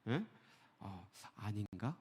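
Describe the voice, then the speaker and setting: A male pastor giving an early-morning sermon in a church, talking conversationally with rhetorical questions and soft chuckles. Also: lowish voice, very animated, very slow, slightly rough. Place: church sanctuary. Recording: long hall reverb.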